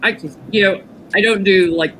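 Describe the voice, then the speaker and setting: A woman acting as a psychic medium gives a casual reading over a video call livestream, sounding matter-of-fact and reassuring. Her mid-range voice has a sharp tone and a moderate pace, and the stream audio is clearly noisy.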